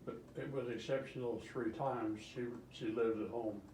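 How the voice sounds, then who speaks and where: A grandfather in his eighties or older, interviewed about his memories, reminisces casually, halting, rambling and repeating himself. His average male pitch is fairly even and a little mellow, recorded in a roomy, slightly distant space with faint background noise.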